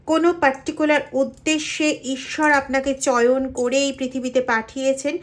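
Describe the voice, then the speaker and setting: A woman giving a general tarot reading to her viewers, sometimes slowing into softly chanted mantras. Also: sits high, little pitch movement. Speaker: tarot reader.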